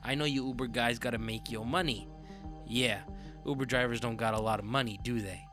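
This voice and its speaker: A man voicing a creepy, cutesy woman passenger who drawls in a slow country vernacular. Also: medium pitch, fairly even intonation, music in the background, lightly acted. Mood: unsettling.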